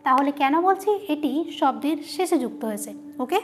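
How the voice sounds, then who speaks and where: A woman's voice: high-pitched, expressive, fairly quick. A woman teacher giving a grammar lesson, who asks questions and answers them herself, repeating each key term.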